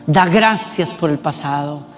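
A man preaching a sermon with passion, asking rhetorical questions and slowing down to stress words. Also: on the high side. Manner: impassioned, rhetorical questions, slows for emphasis. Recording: long reverb with faint music.

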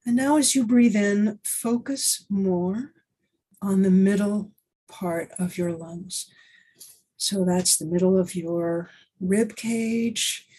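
Slow, soft-spoken woman guiding breathing. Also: mid-range voice, husky. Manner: slow, gentle, soothing instructions. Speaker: breathing instructor. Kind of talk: guided breathing exercise.

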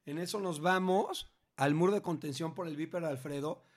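A middle-aged man with a Mexican Spanish accent tells a story in a casual conversation. His voice sits a little higher than most men's. He speaks in an animated, slangy way and keeps restarting his sentences. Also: normal speed. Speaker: parent telling a story to his grown child.

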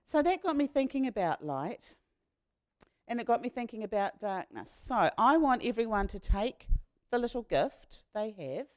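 A woman, leading an all-age sermon as a minister and retelling a story in a lively, slangy, conversational way. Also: fairly high pitch, moderate pace. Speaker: minister leading a children's talk.

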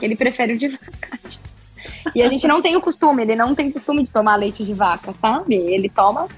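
A woman, a podcast guest telling her story in an expressive, chatty way with lots of tag questions. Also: fairly high pitch, fairly quick, husky, faint music behind. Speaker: podcast guest, breastfeeding consultant. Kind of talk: casual interview chat.

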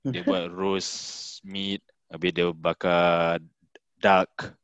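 A man's voice: low voice, little pitch movement, drawn-out words, fairly bright tone, smooth, no room sound. A man with a Singaporean accent chatting casually with friends in slangy English mixed with Malay. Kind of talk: casual chat among friends. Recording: dull lo-fi audio.

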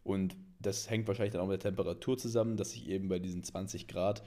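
A man's voice: low voice, steady tone, fast, mellow. A man co-hosting a casual podcast, musing and thinking aloud, recorded over a remote call. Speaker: podcast co-host. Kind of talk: casual chat.

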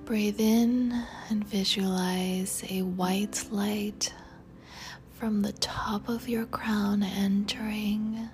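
Very slow, soft whispering woman meditation guide. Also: medium pitch, flat delivery. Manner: soothing, tender, addressing listener affectionately. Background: music.

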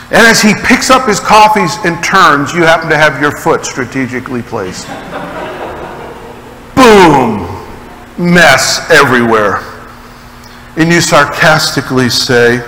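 Man preaching a sermon: slow, bright, expressive delivery in a reverberant hall. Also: fairly high pitch, a little hiss or hum. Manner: animated storytelling with dramatic pauses. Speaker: pastor.

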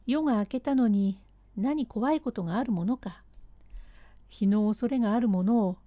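Nervous Edo servant man, rough old-fashioned speech, pitched up high, put on by a woman reader, dry close sound. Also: moderate pace, warm tone, no room sound, close to an everyday voice. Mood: calling out nervously. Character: timid, excitable Edo-era manservant, adult man.

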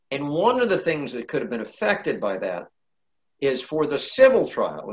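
A man's voice: mid-range voice, fairly bright tone. A man giving unscripted legal commentary, explaining step by step with hesitations and repeated words.

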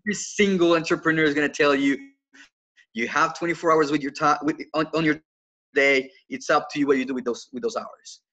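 This podcast guest, a financial coach in his twenties from Colombia, speaks English with a Colombian Spanish accent during a casual interview. Telling his story earnestly, he keeps repeating words as he restarts. His voice is on the high side and fairly even, a little fast, bright, and forceful, with the highs cut off.

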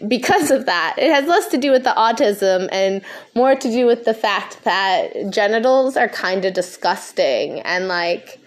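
A woman's voice: medium pitch, lively intonation, unhurried. A stoned woman podcast host talking casually and frankly, rambling, swearing freely and losing her thread.

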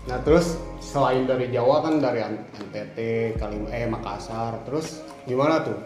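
A man conducting a casual interview, asking slow questions and giving short prompts. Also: medium pitch, reverberant, over music.

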